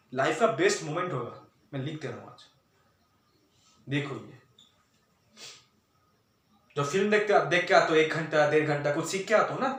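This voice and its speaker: ऊँची आवाज़ वाला जोशीला गणित शिक्षक, गूँजता कमरा. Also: male voice, a little high, distant mic. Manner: animated, talks straight to students, mixes Hindi and English. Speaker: math teacher. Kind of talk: lecture explaining at a board. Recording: very echoey room, voice from off the mic.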